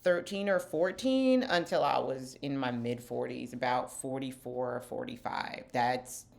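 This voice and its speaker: Middle-aged woman, low voice, candid self-deprecating makeup chat, vlog founder type. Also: unhurried, creaky. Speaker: skincare company founder and vlogger. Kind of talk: get-ready-with-me makeup chat.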